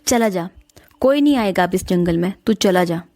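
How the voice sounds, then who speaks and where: A woman's voice: on the low side, expressive, moderate pace, mellow. A woman doing a stern old village exorcist. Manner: commanding, scolding.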